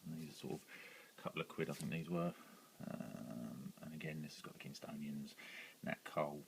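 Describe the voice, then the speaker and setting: A British record collector talks through his shelves in a casual vlog. His voice sits very low, and he rambles along with frequent ums and corrections. A faint hiss sits under the recording. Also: steady tone, a little fast, gravelly, poor audio. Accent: British English. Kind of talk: casual show-and-tell vlog.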